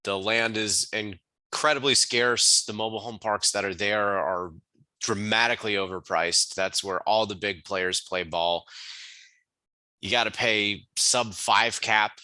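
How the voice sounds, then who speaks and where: A man's voice: on the low side, pushed and bright, no room sound, poor audio. A man hosting a podcast, introducing and interviewing his guest in an upbeat, hyped-up way. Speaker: podcast host.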